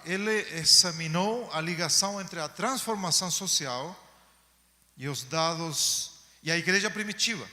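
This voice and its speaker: A guest lecturer from Chile gives an academic talk to students in a second language, with a Chilean Spanish accent. His voice sits high with a sharp tone, and he goes unhurriedly, pausing often and tagging phrases with "não?". A long hall reverb surrounds the recording.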